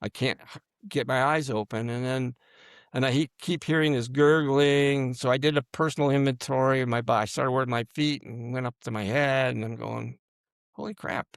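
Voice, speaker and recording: Gravelly older man telling war stories. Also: mid-range voice, fairly even intonation, no room sound, studio quality. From United States. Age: 70s. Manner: halting, restarts often, drops to a near-murmur at grim moments. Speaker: guest, combat veteran. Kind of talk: personal storytelling in an interview.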